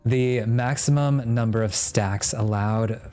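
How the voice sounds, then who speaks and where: A man with a warm, mid-range voice speaks slowly while streaming a video game, with faint game music behind him. His live commentary is casual, full of exclamations and muttering as he reads along.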